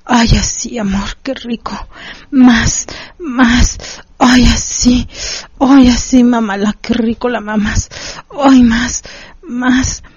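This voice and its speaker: A woman voicing a breathless, demanding adult lover, crying out in high pleading moans. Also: steady tone, slow pace, darkish tone, husky, dry recording, dull audio, full character voice.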